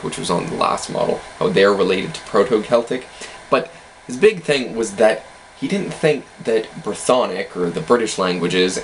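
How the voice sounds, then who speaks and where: A man's voice: low-pitched, creaky, a little hiss or hum, poor audio. A man casually explaining language facts in an educational video, hedging with self-deprecating asides.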